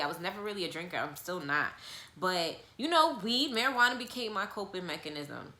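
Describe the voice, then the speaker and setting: A woman's voice: medium pitch, bright, forceful tone. A young adult woman talking candidly and bluntly in a personal vlog monologue, repeating herself for emphasis and swearing casually. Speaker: vlogger. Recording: echoey room.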